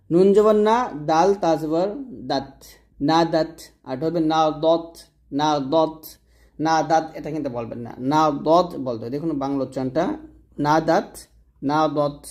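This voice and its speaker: A man teaching Quran recitation, who stretches out each word slowly and contrasts thin and thick letter sounds by repeating them. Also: a little high, dark tone. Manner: slow, drawn-out demonstration of letter sounds. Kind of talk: pronunciation lesson.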